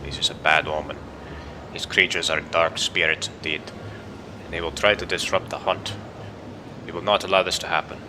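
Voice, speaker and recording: A man's voice: low voice, steady tone, moderate pace, noisy background, close to an everyday voice. A man reading out the lines of a stern male barbarian hunt leader in a commanding, solemn way. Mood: grave. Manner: commanding, solemn read-aloud delivery. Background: game music.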